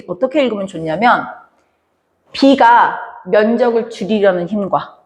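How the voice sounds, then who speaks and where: A woman teacher giving an online lecture, asking her students questions and answering them herself. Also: mid-range voice. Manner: often addresses listeners as kids. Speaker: Korean language teacher. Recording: echoey room with long reverb.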